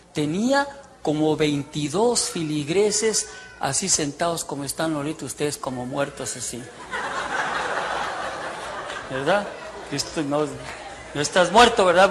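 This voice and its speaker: A man's voice: a little high, a bit bright, slight background noise. A man, a former priest telling his testimony with jokes and asides to the crowd. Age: 60s. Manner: storytelling, jokey, teasing the audience. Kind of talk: humorous testimony sermon.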